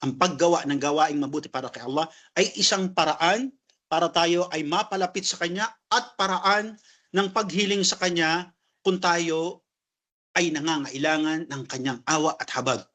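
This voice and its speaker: A man teaching a religious class, explaining each term as he goes and often checking in with a quick "no?". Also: fairly high pitch, a bit bright. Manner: explains terms, tags sentences with "no?". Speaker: Islamic lecturer.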